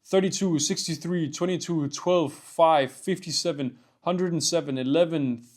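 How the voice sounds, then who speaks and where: Talking to camera in a loose, rambling vlog, a young Danish man with a Danish accent keeps saying "like" and "bro" and swears freely. His voice is fairly high, a little mellow, at a moderate pace.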